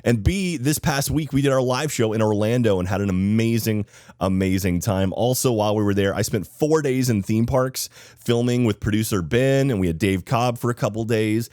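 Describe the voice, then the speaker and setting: A man's voice: fairly low pitch, normal speed, darkish tone, dry recording, studio quality. A man hosting a podcast in a casual, chatty, enthusiastic way, his voice slightly off because he is sick. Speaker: podcast host.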